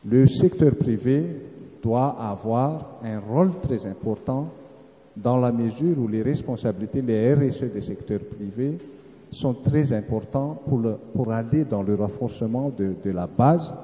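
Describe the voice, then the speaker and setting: Guy on a seminar panel, earnest, keeps restarting, super dark voice, echoey hall w long reverb. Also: mid-range voice. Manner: earnest, halting, with frequent restarts. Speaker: round-table panelist. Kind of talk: conference presentation.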